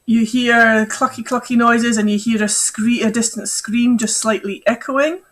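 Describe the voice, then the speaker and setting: A woman's voice: on the high side, fairly bright tone, low-quality recording. A woman narrating as game master of a tabletop game, chatty and thinking aloud as she goes.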